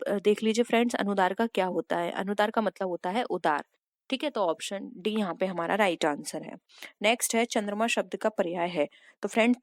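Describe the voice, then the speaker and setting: A woman's voice: medium pitch, dry recording, clean studio sound. A woman teacher working through exam practice questions, reading out each set of options and then patiently explaining the right answer.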